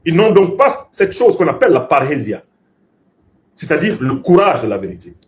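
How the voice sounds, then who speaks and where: Raised speaking Bassa, a male political commentator lectures like an orator, emphatic and professorial, driving points home through repetition. His slightly high voice swings widely in pitch, very animated at a moderate pace, with slight background noise.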